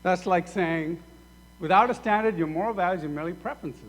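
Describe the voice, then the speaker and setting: This high-voiced Sudanese preacher speaks slightly quickly, his sermon carrying hall reverb through the sanctuary. He performs imagined exchanges with energy, voicing each side himself.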